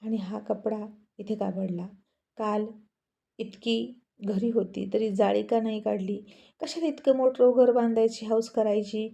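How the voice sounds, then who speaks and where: A woman voicing a sharp-tongued husband who taunts his wife, in a gravelly, dark voice. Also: medium pitch, fairly even intonation, a little slow, dull audio. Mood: taunting. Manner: taunting, mocking.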